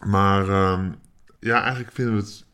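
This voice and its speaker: A man speaking as an anonymous interviewee, his voice disguised by shifting it deeper in pitch, talking hesitantly with many filler sounds. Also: fairly even intonation, moderate pace, bright, forceful tone. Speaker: anonymous interviewee, cat owner. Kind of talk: casual interview chat.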